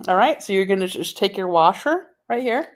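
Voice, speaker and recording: Animated and a little fast, this medium-pitched woman runs a live sewing tutorial from her home sewing room. As a sewing instructor, she works while chatting casually and responding to viewer comments, picked up by a laptop microphone.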